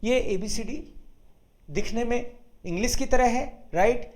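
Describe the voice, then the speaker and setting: A teacher speaks slowly and patiently, spelling out sounds and saying each one again. The voice sits at a middle pitch. The room around it is noticeably echoey. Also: darkish tone. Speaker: German teacher. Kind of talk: online beginner language class.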